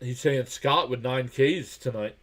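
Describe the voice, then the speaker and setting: A man in a relaxed live stream calls pitches and ball-strike counts as they happen. His voice sits in an ordinary middle range and his delivery stays chatty and easygoing. Between pitches he greets viewers by name in an offhand way. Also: a little slow. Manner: calls pitches and counts while reading out chat messages. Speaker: live game reaction streamer. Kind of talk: casual live play-by-play commentary.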